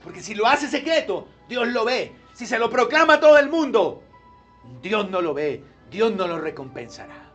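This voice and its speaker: A man preaching a sermon as pastor, emphatic, swinging from loud stress to quiet asides, in a church. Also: high-pitched, sing-song, moderate pace, husky, faint music behind.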